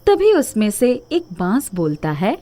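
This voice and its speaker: A woman narrating an animated moral story in a scripted, expressive storytelling manner. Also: fairly high pitch, unhurried.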